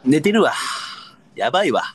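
Animated Kansai-accented man streaming. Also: normal speed, a little hiss or hum. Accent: Kansai Japanese. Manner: pleading, teasing, loud swings in pitch. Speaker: livestreamer. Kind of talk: casual livestream banter.

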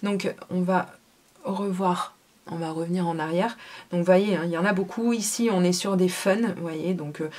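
A woman's voice: fairly low pitch, fairly even intonation, moderate pace, a little mellow. A woman hosting a casual crafting video, explaining a small printer app step by step in a chatty way, with many fillers. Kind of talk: casual product demo.

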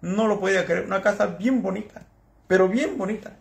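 Gravelly, higher-pitched man. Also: a little fast. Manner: animated storyteller who acts out other people's lines. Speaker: channel host. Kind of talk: casual monologue to camera.

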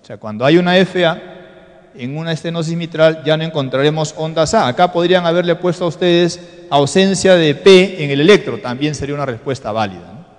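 Peruvian male lecturer, somewhat high voice, quizzes the class as he explains, long hall reverb. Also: fairly quick. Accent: Peruvian Spanish. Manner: explanatory, asks the class rhetorical questions. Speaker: medical lecturer. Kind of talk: exam-prep cardiology lecture.

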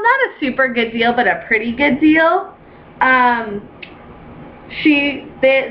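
A young woman's slightly high voice talks slowly and unhurriedly through a casual home vlog, gushing with excitement and stopping often for ums and fresh starts. The recording is dull and lo-fi, with a faint hiss behind her. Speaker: doll collector vlogger.

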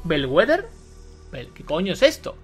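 Excitable young gamer, swearing a lot. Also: male voice, high-pitched, measured pace, husky, soft background music. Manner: excitable, swearing, repeats himself. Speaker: gaming youtuber. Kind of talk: let's play commentary.

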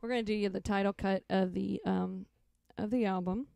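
Teasing woman with a mellow voice. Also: mid-range voice, steady tone, a little fast, vocal fry, no room sound, clean studio sound, soft background music. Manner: teasing, laughs often. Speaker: co-host and musician. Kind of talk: casual chat on a livestream.

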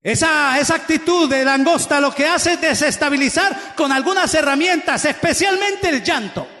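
High-voiced pastor preaching in an echoing hall. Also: male voice, moderate pace, pushed and bright. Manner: impassioned, exhorting, repeats phrases for emphasis. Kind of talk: sermon. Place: church sanctuary. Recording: echoey hall with long reverb.

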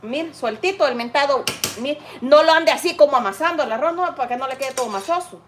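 Woman, cooking vlog chat, rambling and affectionate, high-pitched, echoey room. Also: brisk, background noise. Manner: chatty, rambling, calls the viewer "niña" and "hija linda". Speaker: cooking vlogger. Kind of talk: casual chat while cooking. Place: home kitchen, indoors.

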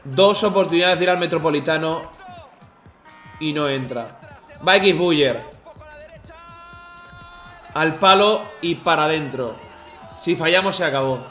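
High, bright-voiced man commentating. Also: measured pace, long pauses, roomy sound, soft background music. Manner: emotional, shouting and groaning at misses. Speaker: team president and streamer recapping matches. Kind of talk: excited match commentary recap.

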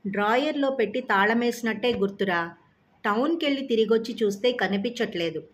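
A gentle, grieving young boy, voiced by a woman in a storybook reading. He speaks in a low, tearful voice, doubtful and disbelieving. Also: lively intonation, brisk, close to an everyday voice. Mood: sad.

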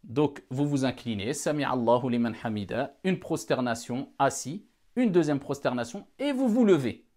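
A man's voice: mid-range voice, lively intonation, moderate pace, darkish tone. A man giving a careful religious lesson, addressing the audience formally and repeating key points to stress them. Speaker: religious teacher.

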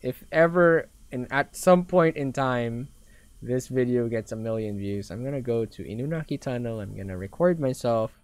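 Casting: young man, Filipino accent, mid-pitched voice, scared horror game streamer, casual and reactive. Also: lively intonation, normal speed, darkish tone, no room sound. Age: young adult. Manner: scared, reactive gamer exclamations. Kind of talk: casual gameplay commentary.

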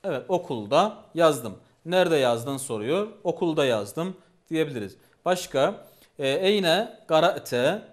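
Male teacher, patient and repetitive, voice a touch high. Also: animated, takes it slowly. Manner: patient, repeats each phrase and asks questions. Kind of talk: language lesson.

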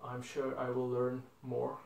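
A man's voice: mid-range voice, completely flat delivery, measured pace, gravelly, darkish tone. A young man hosting a casual interview, asking simple questions with many hesitations and fillers. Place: living room indoors. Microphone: phone camera across a table. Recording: roomy, from a distance.

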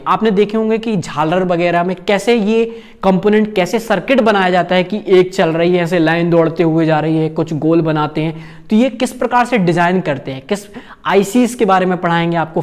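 Young man explaining a course to camera. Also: high voice. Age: young adult. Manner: casual, peppers talk with filler tags and gestures while explaining. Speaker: channel host, course guide.

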